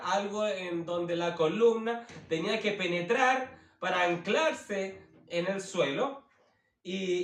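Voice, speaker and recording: A man teaching the Bible as a preacher, slowly repeating and rephrasing himself with many fillers. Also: high voice, recorded from a distance. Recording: roomy, from away from the mic.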